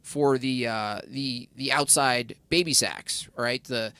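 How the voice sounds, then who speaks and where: A man chatting as a podcast guest, rambling and halting, now and then quoting others in a mocking voice. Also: mid-range voice, sharp tone, smooth, dry recording. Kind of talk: casual podcast discussion.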